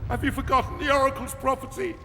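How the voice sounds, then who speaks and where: An actor playing a vain, cowardly Roman emperor in a video game, theatrical and whining. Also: male voice, very high-pitched, steady tone, fast talker. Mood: pleading, desperate. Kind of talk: dramatic video game acting. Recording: noisy mix, long hall reverb.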